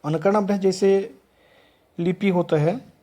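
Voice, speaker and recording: This teacher educator has a high, dark voice with a steady tone and an unhurried delivery. In a classroom lecture to trainee teachers, the middle-aged man names examples word by word, often starting over.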